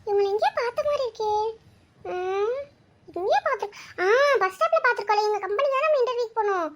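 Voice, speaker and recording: Woman voicing a young cartoon bride, very high squeaky voice, racing speech, pleading. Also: animated, fast talker. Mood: bashful. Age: 20s. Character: young woman daughter, stubborn then shy bride. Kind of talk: cartoon voice acting.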